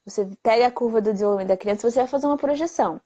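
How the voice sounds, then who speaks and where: Woman in her 30s, speech therapist answering questions live, lively and chatty, slightly high voice. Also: racing. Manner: lively, rhetorical questions, plain-spoken. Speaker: channel host answering viewer questions. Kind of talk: live Q&A explainer. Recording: dull lo-fi livestream audio.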